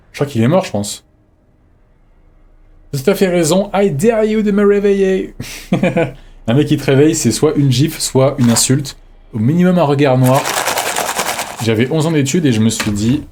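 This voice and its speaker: A man streaming a game live, thinking aloud in a relaxed, reflective way as he chats with his viewers. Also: mid-range voice, slight background noise. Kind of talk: live gameplay commentary, chatting with viewers.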